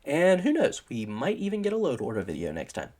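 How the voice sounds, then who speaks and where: Man, casual tutorial narrator, animated pitch, rambling, self-deprecating, voice tiring. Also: fairly quick. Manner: rambling, self-deprecating, voices his own inner questions. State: voice tiring and failing. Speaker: modding tutorial presenter. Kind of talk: casual screen-recorded tutorial.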